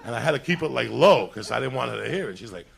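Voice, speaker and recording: A man from New City, telling a crude, animated story and laughing through it. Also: mid-range voice, racing, creaky. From New York City. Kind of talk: profane comedic storytelling.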